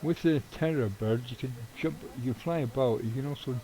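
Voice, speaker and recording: Middle-aged streamer, mellow tone, rambling and offhand, swears casually. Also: male voice, mid-range voice, brisk, slight background noise, low-quality recording. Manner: rambling, swears casually, chuckles at own jokes. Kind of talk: casual live-stream chat while gaming.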